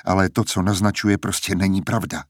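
A man's voice: low voice, fairly even intonation, no echo. A man voicing a defiant, blunt young woman in an audiobook reading. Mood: bitter. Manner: firm, blunt. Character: defiant young woman singer, sharp-tongued.

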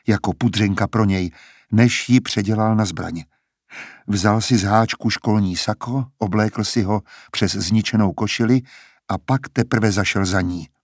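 A man narrating an audiobook in a measured, even storytelling manner. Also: on the low side, no room sound, studio quality. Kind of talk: scripted narration.

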